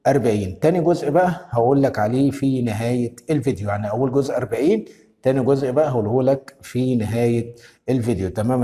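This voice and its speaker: A man with an Egyptian Arabic accent hosting a step-by-step phone tutorial, giving brisk instructions and constantly checking in with the viewer. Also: medium pitch, mellow, big-room sound. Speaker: tech tutorial host.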